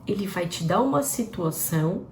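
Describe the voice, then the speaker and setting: A woman's voice: medium pitch, expressive, moderate pace. A woman giving a devotional live-stream talk, asking her viewers rhetorical questions in a conversational way. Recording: roomy with faint background noise.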